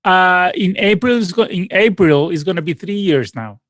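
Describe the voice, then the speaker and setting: A native Spanish speaker from Venezuela, this guest musician in his late forties has a high-pitched, bit bright voice with lively intonation and a moderate pace. He answers a casual interview over a call in a rambling manner, restarting often and using many fillers, in a dry recording.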